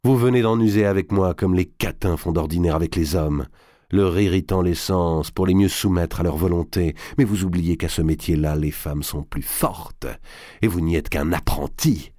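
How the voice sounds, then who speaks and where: A man's voice: deep voice, moderate pace, mellow, no echo, clean studio sound, natural voice. A man voicing a proud, scornful young queen in an audiobook, her lines cutting and defiant, rising to cries. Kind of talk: audiobook character voice.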